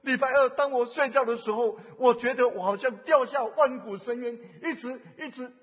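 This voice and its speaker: A man's voice: extremely high pitch, normal speed, a bit bright, slightly rough, big-room sound, lo-fi sound, pitched above the performer's own voice, heavily acted. A man voicing a pleading remorseful teen girl. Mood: urgent. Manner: pleading, repeating herself urgently. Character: remorseful teenage girl begging forgiveness.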